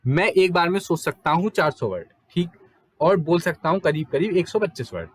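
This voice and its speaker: A young man teaches in a relaxed, chatty way, switching between Hindi and English terms. His voice sits a little high. He keeps asking his students rhetorical questions and then answers them himself. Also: normal speed, slightly rough, no echo. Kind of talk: casual exam-prep lecture.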